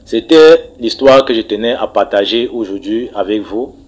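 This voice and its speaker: In a poor-quality recorded voice message, a Cameroonian man with a lowish, slightly mellow voice tells a mystical story at a moderate pace. He sounds preachy, stumbling and repeating words as he urges listeners to pray.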